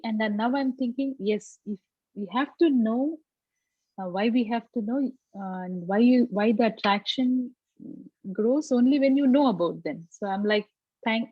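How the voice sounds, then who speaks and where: A woman with a South Indian accent sharing a personal reflection on an online group call, halting as she searches for words. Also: a little high, no echo. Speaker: class participant. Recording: dull, muffled online call audio.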